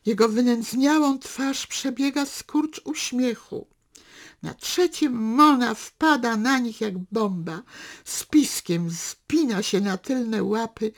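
A woman's voice: on the high side, a little mellow. A woman reading a novel passage aloud with dramatic swings into the characters' thoughts, then talking it over.

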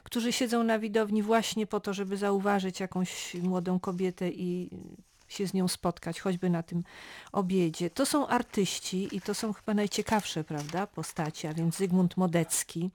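A woman's voice: mid-range voice, fairly even intonation, moderate pace, darkish tone, no room sound. A woman in a casual discussion about a novel, speaking measuredly with hedging asides. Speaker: book discussion participant.

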